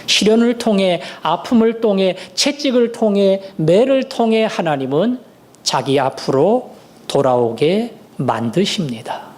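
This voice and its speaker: Middle-aged male pastor, fairly high voice, earnest sermon delivery with emphatic rises, church sanctuary. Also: expressive, measured pace, a little mellow. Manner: earnest preaching with rising emphatic peaks.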